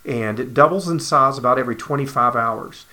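A man's voice: medium pitch, brisk, bright, forceful tone. A man, earnestly telling his own cancer story as personal testimony and acting out the dialogue.

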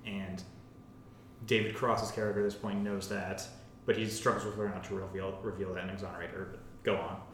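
A man's voice: level tone, brisk. A man hosting a casual film podcast, summarizing a plot and filling his talk with "like" and "um". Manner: filler-heavy, says "like" constantly. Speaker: podcast host. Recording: very echoey room, faint rumble.

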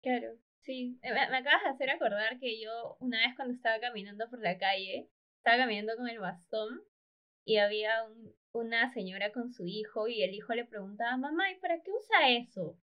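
A woman's voice: fairly high pitch, fairly even intonation, a little fast, lo-fi sound. A woman hosting a podcast, chatting casually and answering with short murmurs of agreement. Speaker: podcast host.

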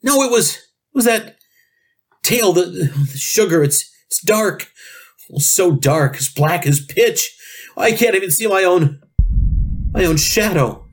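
A man's voice: high voice, expressive, takes it slowly, long pauses, breathy edge, heavily acted. A man playing a jittery late-night radio host who stammers and gets flustered easily, in a comedic audio drama. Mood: panicked. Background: music.

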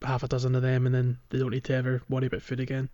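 On a lo-fi, slightly dull podcast recording, a British co-host talks very fast about games in a loose, wandering way. His mid-range voice is warm, yet his delivery stays completely flat.

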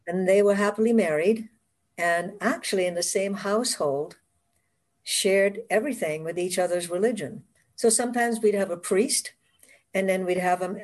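A woman's voice: fairly low pitch, moderate pace. Woman with a West Indian accent. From Caribbean. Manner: warm storytelling, laughs often. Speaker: author guest. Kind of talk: casual interview conversation. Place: video call from home.

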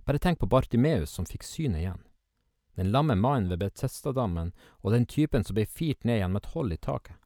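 A man's voice: mid-range voice, animated, mellow, dry recording, clean studio sound. A man preaching a sermon, reading scripture and speaking in an earnest, emphatic way.

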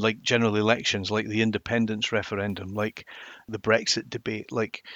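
A mature man with a Highland Scottish accent, telling stories reflectively and emphatically in a conversational interview. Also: fairly bright tone, no room sound, dull audio. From Inverness, Highlands of Scotland. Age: middle-aged or older. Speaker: interview guest, former television journalist.

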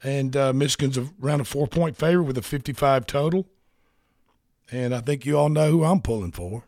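A man's voice: mid-range voice, brisk, darkish tone, no room sound, studio quality. A man hosting a sports radio show, chatting casually and rambling with repeats.

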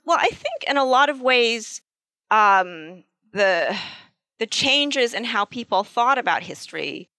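A woman's voice: medium pitch, bright, forceful tone, dry recording. A woman historian answering interview questions, hesitant with many ums and repeated starts. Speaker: guest historian.

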